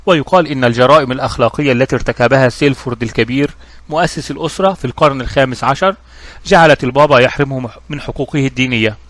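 A man voicing a composed, genteel middle-aged mother in a storybook reading, explaining things calmly. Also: medium pitch, rapid-fire, dry recording, natural voice.

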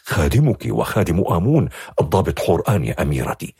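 A man's voice: sits low, big pitch swings, fast, dark tone, husky, no echo, studio quality, pitched below the performer's own voice, heavily acted. A man voicing a devoted young royal officer who speaks in a very polite, formal, solemn way. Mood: courtly solemn.

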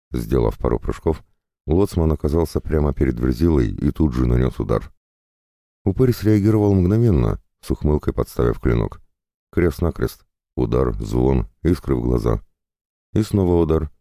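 A man's voice: extremely low pitch, gravelly, mellow, dry recording, clean studio sound. A man reading a dramatic adventure story aloud, giving the characters small shifts of voice. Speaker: audiobook narrator. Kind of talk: dramatic audiobook narration.

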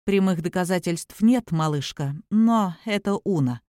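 A woman's voice: fairly low pitch, expressive, a little slow, mellow, dry recording, studio quality. A woman voicing a friendly, teasing young male werewolf in an audiobook, speaking easily and affectionately. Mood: fond. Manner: easygoing, affectionate, calls her little one.

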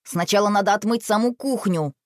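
A woman's voice: mid-range voice, fairly quick, no echo, clean studio sound, close to an everyday voice. A woman doing a pedantic older brother. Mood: stern. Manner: self-important, precise. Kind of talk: storybook reading.

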